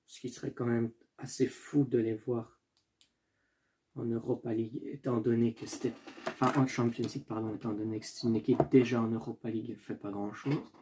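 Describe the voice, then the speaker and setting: Over some background noise, a young man with a mid-range voice hosts a casual solo football video. He thinks out loud, restarting and self-correcting frequently, and says sorry when he stumbles over names.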